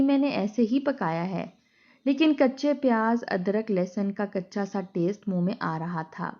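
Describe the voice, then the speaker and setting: Woman narrating a dramatic story. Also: medium pitch. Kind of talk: scripted narration. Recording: dull lo-fi recording.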